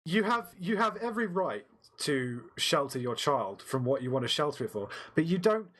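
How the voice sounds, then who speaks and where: Husky-voiced Englishman arguing animatedly. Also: fairly high pitch, sing-song, fairly bright tone. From United Kingdom. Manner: emphatic, swearing, quick to laugh. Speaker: podcast co-host. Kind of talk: casual opinionated debate.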